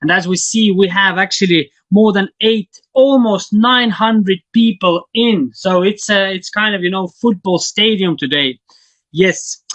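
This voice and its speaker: A man from Estonia, not an English speaker, giving an enthusiastic, halting business presentation to an online audience. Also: fairly bright tone, no echo. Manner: halting, enthusiastic sales pitch with fillers.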